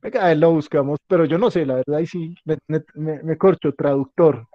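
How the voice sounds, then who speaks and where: Talking a little fast with a fairly high pitch, a male teacher holds a relaxed class full of jokes and repetition, regularly asking whether everyone is following along. The audio is dull with no room sound.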